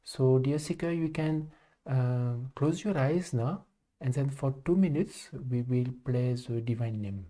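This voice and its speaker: Calm man hosting a live stream. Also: mid-range voice, measured pace. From France. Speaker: live stream host and spiritual speaker. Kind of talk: live stream talk to viewers.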